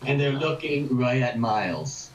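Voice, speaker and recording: A man's voice: medium pitch, animated, a little slow, reverberant, crowd noise. A man running a tabletop game as game master, describing scenes and building suspense. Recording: distant mic.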